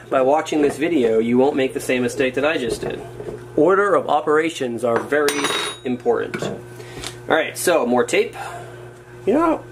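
With the camera on his hands over the work, a man with a high-leaning voice narrates a hands-on workshop build indoors at a wooden bench or on the floor. He's casual, muttering to himself and poking fun at his own errors, over a slight hiss or hum.

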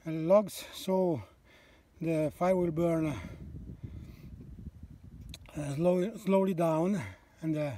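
Working beside a campfire on a wooded hillside, this bushcraft host gives a relaxed demonstration, talking slowly with lots of "uh" pauses as he explains each step. His voice is on the high side and mellow, with fairly even intonation. It's picked up by a camera on the ground a few meters off, with slight background noise.

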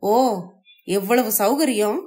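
A woman's voice: mid-range voice, slow pace, mellow, close to an everyday voice. A woman voicing a hurt, jealous young wife in a family story read aloud, talking in reproachful, indignant outbursts. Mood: contrite.

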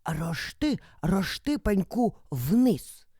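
A woman's voice: mid-range voice, big pitch swings, very slow, slightly rough, no room sound, clean studio sound, heavily acted. A woman voicing a frightened but sly old grandmother who whispers a charm in a storybook. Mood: whispering. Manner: soft whispering spell.

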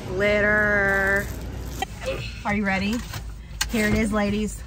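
A woman's voice: medium pitch, completely flat delivery, slow. A woman vlogging at a mountain cabin, playful and teasing. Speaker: family vlogger. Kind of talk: casual vlog chat. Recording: noisy background.

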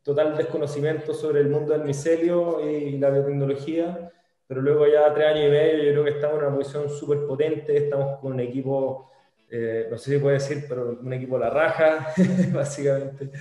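A young Venezuelan man with a Chilean Spanish accent chats casually as a startup founder guest in an interview over a video call from a room at home, full of restarts and slang. His voice is a little high, mellow and fairly even in intonation, and he talks a little fast. The room is very echoey, with faint music in the background.

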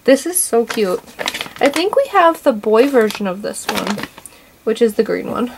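A young woman hosting a casual toy unboxing, gushing and excitable, always saying how cute things are. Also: on the high side, unhurried, gravelly, background noise.

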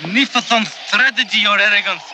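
An actor playing a fawning male courtier in a film, eager and flattering. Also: sits high, brisk, background noise, natural voice.

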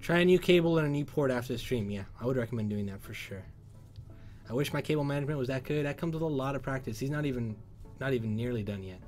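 A man hosting a casual livestream, reading viewer comments and chatting loosely, with sudden loud shouts of excitement. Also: mid-range voice, quick pace. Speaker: livestream host. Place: PC workshop.

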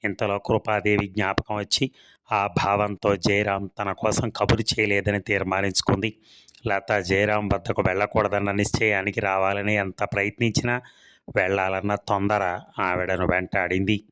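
A man reading a storybook serial in steady, scripted narration. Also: on the low side, moderate pace, clear, resonant tone, dry recording.

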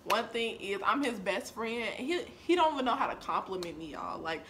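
A young woman chatting playfully with her best friend at home, telling stories with animated, expressive delivery. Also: fairly high pitch, fairly quick, a little hiss or hum. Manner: chatty, playful, lively storytelling. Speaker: vlogger. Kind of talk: casual chat. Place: apartment.

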